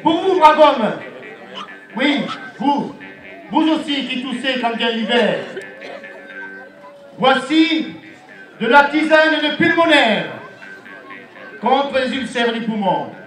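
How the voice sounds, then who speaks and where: A man's voice: very high voice, animated, a bit bright, exaggerated voice. A man playing a medieval herbalist who hawks cures like a town crier, declaiming theatrically to passers-by. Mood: hawking, insistent. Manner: theatrical, declamatory, slow proclaiming to a crowd. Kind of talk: town crier street patter at a medieval pageant. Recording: distant, echoing outdoor event recording with music.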